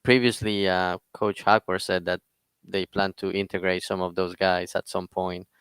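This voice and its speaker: A man co-hosting a casual soccer live stream, speaking in a measured, halting way. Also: low voice, flat delivery, a bit bright, clear, resonant tone, no echo. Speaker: podcast co-host.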